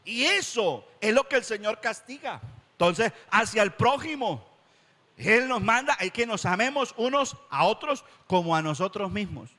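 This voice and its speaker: A man's voice: lively intonation, normal speed, sharp tone. A man preaching a sermon as pastor, repeating words for emphasis. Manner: acts out church members' objections in a higher whiny voice. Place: church hall. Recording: church hall reverb.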